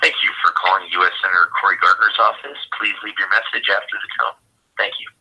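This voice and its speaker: A man's voice: deep voice, quick pace, slightly rough. A man reading a formal recorded voicemail greeting, heard over a telephone line. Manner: formal, even, scripted. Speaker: recorded office phone greeting. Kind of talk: automated voicemail message.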